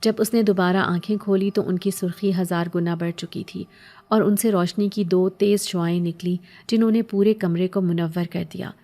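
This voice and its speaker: A woman's voice: fairly low pitch, steady tone, warm tone. A woman narrating a scripted horror story in the first person, frightened and pleading in her own lines.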